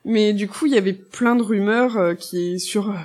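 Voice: mid-range voice, moderate pace, a little mellow. A speaker joining a casual podcast chat.

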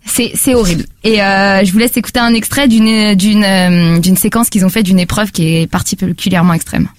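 A podcast reviewer with a medium-pitched voice, speaking at normal speed with no echo, presents her podcast pick in a casual French chat. She's chatty and animated, with lots of fillers.

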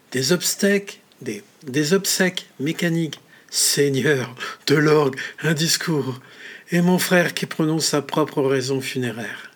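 A man's voice: a little high, fairly bright tone. A man voicing a panicky middle-aged man trapped in a coffin, agitated and stammering.

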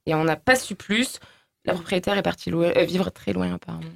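A woman's voice: fairly low pitch, a little fast, gravelly. A woman telling a ghost story on a radio show, hesitant, with many fillers. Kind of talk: casual storytelling. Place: radio studio.

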